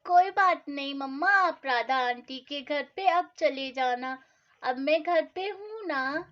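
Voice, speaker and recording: A woman doing a lisping, high little girl. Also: expressive, takes it slowly. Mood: sweet. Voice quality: childlike lisp. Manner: whiny, pleading. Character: little girl Sona, timid, pleading, easily scolded. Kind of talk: storybook doll-play acting. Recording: dull lo-fi sound.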